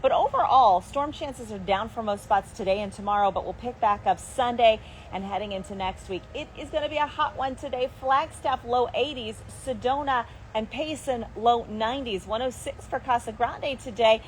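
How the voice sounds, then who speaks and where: A woman TV weather forecaster giving an upbeat, brisk live report from an outdoor patio garden. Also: on the high side, slight background noise. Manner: upbeat, brisk broadcast delivery.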